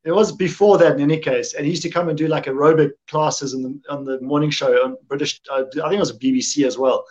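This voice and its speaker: A man's voice: fairly high pitch, fairly even intonation, quick pace. A man from Africa, chatting casually on a podcast, earnest and repeating phrases for emphasis. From South Africa. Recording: muffled lo-fi audio.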